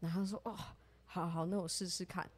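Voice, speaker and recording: A woman with a Taiwanese Mandarin accent, co-hosting a podcast and telling a story in an animated way, acting out what her friends said. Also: a little fast, breathy edge. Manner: animated, acts out quoted friends with rising pitch. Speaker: podcast co-host. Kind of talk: casual storytelling chat.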